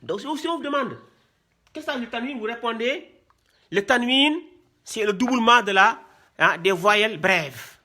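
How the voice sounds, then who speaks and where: A man's voice: very high-pitched, animated, normal speed, long pauses, sharp tone. A man teaching how to read Arabic script, repeating each point and checking with "hein" and "voyez bien". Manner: repetitive, drills terms, asks "voyez bien" and "hein". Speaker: Quran reading teacher. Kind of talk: classroom lesson.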